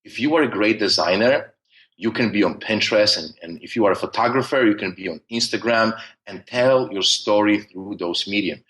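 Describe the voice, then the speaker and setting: This is a man from Poland, thickly accented, giving long answers as a guest on a conversational podcast interview, full of restarts and fillers. He has a fairly low, slightly bright voice at a moderate pace, captured in a rough recording.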